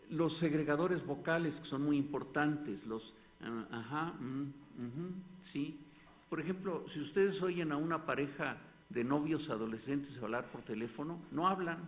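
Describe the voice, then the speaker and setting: A man with a Mexican accent giving an academic lecture at a medical colloquium, explaining points with an animated, demonstrative delivery. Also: medium pitch. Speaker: panel speaker at a medical colloquium. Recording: tinny phone-like lecture recording.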